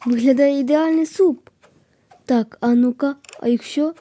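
A woman's voice: sits high, a little slow, warm tone. A woman playing a game, muttering to herself as she tries things out, then voicing her characters with squeals and battle cries. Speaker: game player. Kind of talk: playful game commentary.

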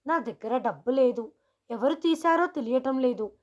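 A woman voicing a proud, spoiled schoolgirl who talks loudly and boastfully. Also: sits high, animated, moderate pace. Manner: loud, boastful.

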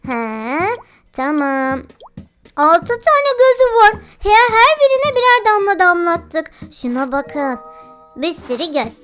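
Here the host's very high, fairly bright voice swings widely in pitch and moves slowly, as she exclaims, giggles and coos at cartoon animals during playful kids' gameplay commentary. Children's music runs underneath.

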